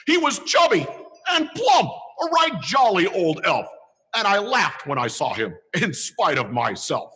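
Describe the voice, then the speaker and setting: A man's voice: sits high, sing-song, bright, forceful tone, long reverb tail, exaggerated voice. A man playing a jolly Santa Claus. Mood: storytelling. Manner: slow, theatrical reading with playful chuckles. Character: jolly old Santa Claus, grandfatherly and playful. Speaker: storyteller. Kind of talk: holiday story reading and kids' Q&A.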